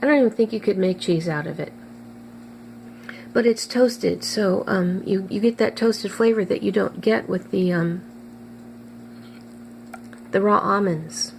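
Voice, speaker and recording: Woman cooking vlogger, chatty, halting delivery with fillers, mid-range voice, faint hum behind. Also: medium pitch, creaky. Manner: chatty, hesitant with many fillers, tastes food while talking. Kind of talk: casual kitchen vlog.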